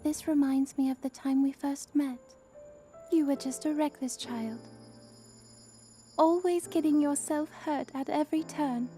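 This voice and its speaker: A man voicing a gentle, caring young fish-woman princess, speaking softly and earnestly. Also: extremely high pitch, fairly even intonation, measured pace, soft background music, pitched above the performer's own voice. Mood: tender. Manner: soft, tender, earnest.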